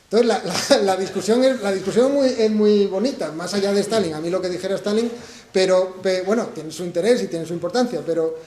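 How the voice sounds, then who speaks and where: At a book presentation in an event hall, a man from Spain gives a public talk, thinking through his ideas aloud and posing rhetorical questions to the audience. His voice is fairly high but mellow, and he speaks a little fast. The hall adds a roomy echo, with slight background noise.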